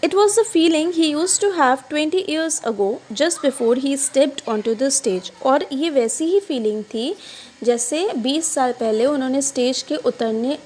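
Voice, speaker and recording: High-voiced woman teacher, slow story reading. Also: a little mellow, slight background noise. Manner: reads English lines slowly, then explains them in Hindi; addresses the children, checking they follow. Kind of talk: reading a story aloud and explaining it in a class.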